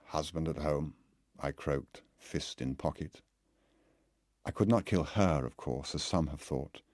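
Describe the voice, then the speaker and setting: A man reading a literary novel aloud as an audiobook narrator, in a measured, deliberate way. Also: extremely low pitch, darkish tone, dry recording, clean studio sound.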